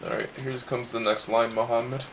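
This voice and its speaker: A man's voice: mid-range voice, level tone, fairly quick, background noise. A young man in a casual voice chat, bossily directing friends through a story reading and feeding them lines in a joking way. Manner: bossy, joking, prompts others with lines. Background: background music.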